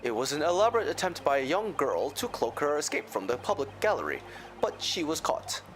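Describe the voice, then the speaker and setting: A man's voice: a little high, very animated, fairly quick, fairly bright tone, soft background music. A man voicing a stern, pompous older English judge from a courtroom video game, formal and grave in manner. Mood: indignant. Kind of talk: voiced reading of game dialogue.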